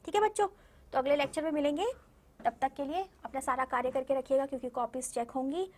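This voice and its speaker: A young woman teaching a Hindi lesson to young children in an online video, patiently repeating words and often checking that the children understand. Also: sits high. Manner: patient, repeats words slowly and drills vowel signs. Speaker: primary school Hindi teacher.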